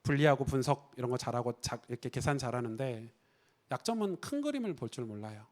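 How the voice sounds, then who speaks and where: Preaching to his church on a Sunday, a man from Korea talks fast and expressively in a slightly mellow, medium-pitched voice. His style is conversational, full of rhetorical questions for the congregation, and he performs the quoted voices.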